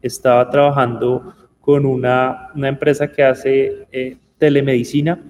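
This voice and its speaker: A man's voice: medium pitch, little pitch movement, unhurried, a little mellow, long reverb tail. A man with a Colombian accent, a guest on a radio show, telling his story thoughtfully with frequent restarts. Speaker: guest, company founder. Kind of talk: radio interview.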